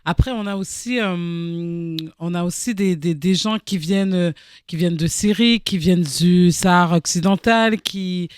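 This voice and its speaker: Brief: woman guest, reflective and halting, smooth and resonant voice, dry sound. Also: fairly low pitch, no echo. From Haiti. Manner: thoughtful, hesitant with repeated words. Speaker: guest, theatre maker. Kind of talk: reflective talk-show interview.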